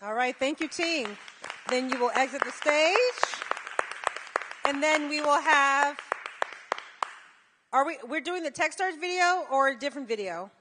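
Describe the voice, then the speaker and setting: A woman running a pitch-event rehearsal, explaining the program order in a matter-of-fact way. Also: animated, a little slow, long pauses, big-room sound, crowd noise, noisy background. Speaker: event emcee.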